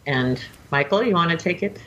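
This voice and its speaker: A woman from Oregon, a film composer, telling her story in a casual interview, earnest and pausing often. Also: fairly low pitch, expressive, fairly bright tone, lo-fi sound. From Portland, Oregon, USA. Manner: earnest, hesitant with fillers.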